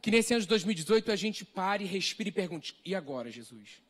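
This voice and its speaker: A man's voice: high voice, fast talker. A man with a Brazilian accent preaching a sermon, earnest and full of repeated rhetorical questions. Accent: Brazilian Portuguese. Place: church hall, live stream.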